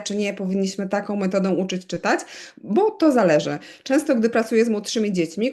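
A middle-aged woman from Poland who teaches reading to bilingual children, explaining at length in a relaxed interview, with many fillers and asides to her listener. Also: medium pitch. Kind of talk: conversational expert interview.

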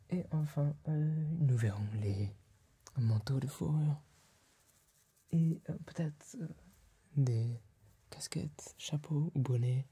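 Whispering close to an ASMR microphone, a young man takes on the role of a polite, particular tailor with a client, his delivery breathy and hesitant. The voice is mid-range, dark and husky, and the small room is dressed up as a tailor's workshop.

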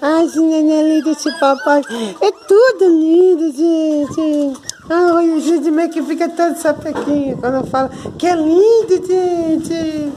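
A woman with a Brazilian Portuguese accent, cooing over puppies in drawn-out baby talk in a casual pet video. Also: sits high, fairly even intonation, dark tone, slight background noise. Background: puppies whimpering and barking.

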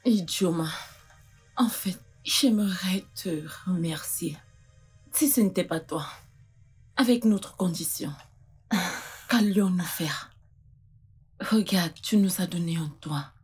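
A woman's voice: lowish voice, slow pace, long pauses, breathy edge, faint music behind, heavily acted. A woman dubbing a distraught mother of a missing daughter into French, tearful, pleading and accusing. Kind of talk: French film dub.

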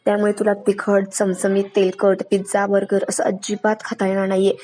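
A woman's voice: mid-range voice, completely flat delivery, fairly quick, warm tone, close to an everyday voice. A woman voicing a self-assured young daughter-in-law who speaks firmly and matter-of-factly. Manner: firm, matter-of-fact.

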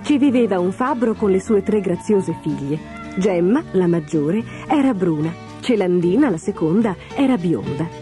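A woman narrating a children's fairy tale in an expressive, lively storytelling manner. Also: medium pitch, normal speed. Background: background music.

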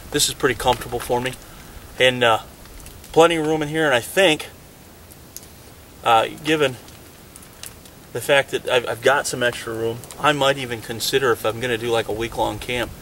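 A man in his forties, relaxed and rambling with many ums and uhs, talking casually about camping in the snowy woods to a camera mic. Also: mid-range voice, a little hiss or hum. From Michigan, USA. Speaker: outdoor vlogger. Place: snowy woods outdoors, under a tarp shelter.

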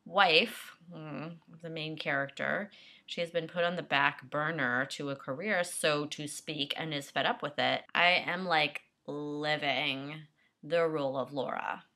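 Gravelly, bright-voiced sarcastic woman. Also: deep voice, unhurried. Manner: deadpan, sarcastic asides. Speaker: actress. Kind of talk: comedic self-tape sketch.

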